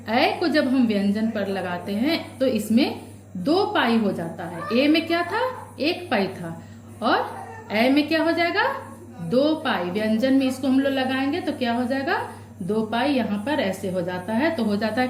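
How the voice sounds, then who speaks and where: A woman's voice: a little high, echoey room, a little hiss or hum. A woman teaching young children from a workbook, patient, asking questions and answering them herself. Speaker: primary school teacher.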